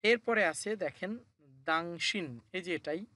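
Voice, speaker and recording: A man teaching a language lesson, slowly spelling out each syllable and repeating every word. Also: sits high, bright, forceful tone, dry recording. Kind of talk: explaining Korean pronouns in a lesson.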